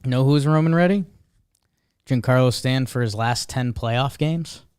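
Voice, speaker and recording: A man's voice: medium pitch, normal speed, darkish tone, clear, resonant tone, no echo, clean studio sound. A man co-hosting a podcast in casual, conversational talk. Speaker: podcast co-host. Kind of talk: casual chat.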